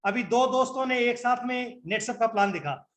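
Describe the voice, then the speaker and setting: A network marketing trainer delivers a motivational business training talk, earnest and instructive, addressing his audience directly and posing rhetorical questions. His voice is very high and a bit bright, at a normal speed.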